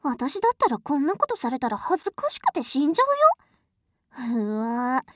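A woman's voice: high voice, big pitch swings, normal speed, no echo, studio quality. A woman voicing a haughty, spoiled rich young lady who is bossy, cruel and scornful, in an audio drama. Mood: mocking. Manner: imperious, scornful, mocking. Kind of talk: adult audio drama role-play.

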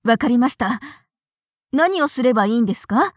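A woman playing a naive, flustered young woman with a high voice. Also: expressive, moderate pace, no room sound, studio quality. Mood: polite, flustered. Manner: polite, hesitant, stammers when flustered. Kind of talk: audio drama acting.

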